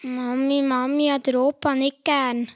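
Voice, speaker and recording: A woman's voice: sits high, little pitch movement, moderate pace, lightly acted. A woman putting on the voice of a whiny little boy nagging his mother in a joke. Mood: whining.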